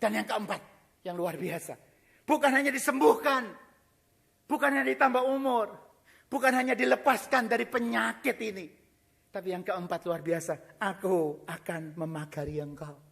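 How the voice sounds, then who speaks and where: A man preaching a sermon, swinging from quiet low reading to loud shouted appeals, slipping English phrases into his preaching. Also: lively intonation, normal speed, gravelly, pauses often.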